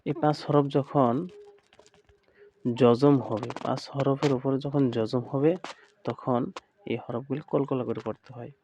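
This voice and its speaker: A man with a Bangladeshi Bengali accent teaching Quran recitation in a slow recorded lesson, chanting letter sounds in rhythm and repeating drills. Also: mid-range voice, fairly even intonation, dark tone, lo-fi sound, slight background noise.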